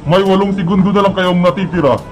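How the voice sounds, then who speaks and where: A man's voice: sits high, fast, natural voice. A man voicing a stern soldier who announces the game rules and chases the players. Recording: music playing behind.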